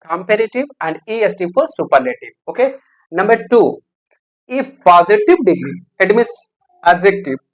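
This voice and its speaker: Teacher voice, patient classroom explainer, medium pitch, hesitant fillers. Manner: explanatory, asks rhetorical questions, frequent "है ना?" checks. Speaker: English teacher. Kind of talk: classroom-style grammar lesson.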